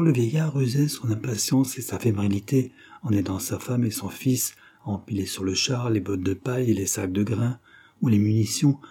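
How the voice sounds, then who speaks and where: A man reading a novel aloud in a measured, dramatic narration. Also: on the low side, warm tone, breathy edge. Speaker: audiobook narrator. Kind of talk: scripted narration.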